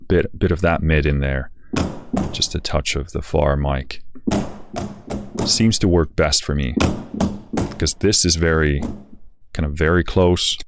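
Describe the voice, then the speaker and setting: A very tired man giving a casual music software walkthrough, speaking haltingly with slightly slurred words. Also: a bass voice, fairly even intonation, background noise.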